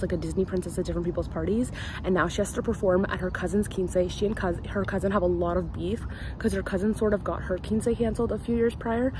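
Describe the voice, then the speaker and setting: A young woman in her twenties chatting upbeat and casually to her camera as a book vlogger, full of filler words. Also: on the low side. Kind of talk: casual vlog chat. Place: outdoors on city streets and in shops. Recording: street noise behind the voice.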